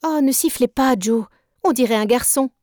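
A prim, affected little girl whose reproaches come out high and sharp, as a woman reads her in a storybook. Underneath, the voice is mellow and the room dry. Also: fairly even intonation, moderate pace, dry recording, natural voice.

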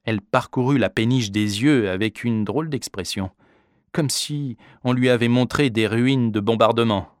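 A man reading a first-person story aloud in a measured, vivid narrating voice. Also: mid-range voice, no echo, clean studio sound. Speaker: audiobook reader. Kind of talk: scripted narration.

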